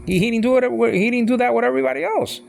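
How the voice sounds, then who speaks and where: A man of sixty giving an informal talk on faith, halting and repeating himself, often asking if the listener follows. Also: very high-pitched, vocal fry, darkish tone. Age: 60s. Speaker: father speaking on faith.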